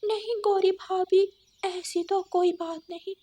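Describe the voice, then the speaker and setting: A woman's voice: very high-pitched, steady tone, slow pace, mellow. A woman voicing a grieving widowed young female crow in a cartoon, with a tearful, pleading wail. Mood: sad, meek.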